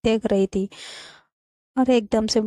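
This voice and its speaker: A woman hosting her own channel, retelling a romantic story in a chatty, animated way. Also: fairly high pitch, slow pace, dry recording.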